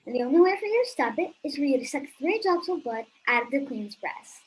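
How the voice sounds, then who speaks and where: A woman's voice: high-pitched, big pitch swings, fast talker, rough recording. A woman playing a blunt, grim talking raven who sounds indifferent, in a stage comedy. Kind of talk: student stage comedy acting.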